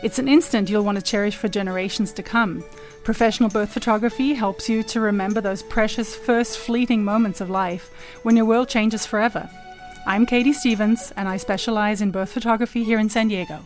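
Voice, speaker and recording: A woman's voice: mid-range voice, fairly even intonation, brisk, a little mellow. Woman, scripted opening read, polished, faint music bed. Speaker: birth photographer. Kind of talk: scripted intro.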